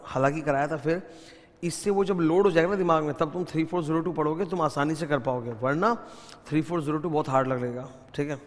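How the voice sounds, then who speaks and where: A man's voice: a little high, big-room sound. A man teaching an audit revision lecture, mixing Hindi and English and quizzing students as he goes, with an Indian English accent.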